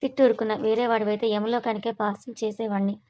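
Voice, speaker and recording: A hot-tempered young businessman rails at his friend, read by a woman storyteller. The lines come fast but stay fairly flat. It is a spoken serial story. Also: a little high, close to an everyday voice. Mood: angry. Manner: angry and scolding.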